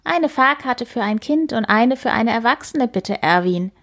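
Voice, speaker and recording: A woman voicing a brisk, cheerful grandmother in a storybook, with a breathy voice. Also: fairly high pitch, lively intonation, fairly bright tone, pitched above the performer's own voice.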